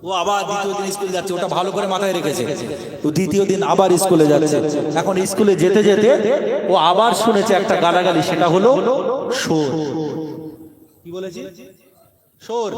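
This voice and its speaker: High-voiced preacher telling a funny story. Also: male voice. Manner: lively, asks the crowd rhetorical questions. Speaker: Islamic preacher. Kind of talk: humorous sermon storytelling. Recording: echoey hall with crowd noise.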